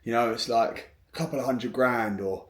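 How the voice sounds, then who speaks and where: A man's voice: mid-range voice, steady tone, normal speed, reverberant. A man who runs a construction business, telling a frank, rambling story to camera with many restarts.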